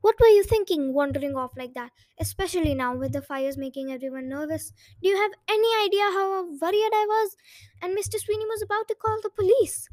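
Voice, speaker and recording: A woman's voice: high-pitched, steady tone, a little fast, a little mellow, no echo. A woman voicing a worried, strict mother who scolds her daughter and then pleads with her. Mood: angry scolding.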